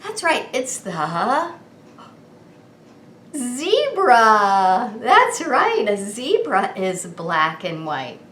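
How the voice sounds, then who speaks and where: A woman's voice: medium pitch, big pitch swings, slow pace, few pauses, a bit bright. A woman hosting a children's birthday greeting with exaggerated, sing-song party enthusiasm, asking questions and answering as if the child had replied. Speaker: children's show host. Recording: echoey room with faint background noise.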